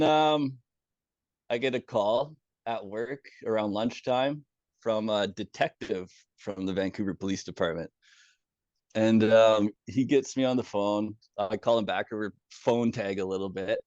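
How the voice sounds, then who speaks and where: Animated man telling a story, dull dry sound. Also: fairly low pitch, normal speed, no room sound. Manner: animated, swears freely, chuckles through his story. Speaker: former community moderator telling his story. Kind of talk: casual first-person storytelling.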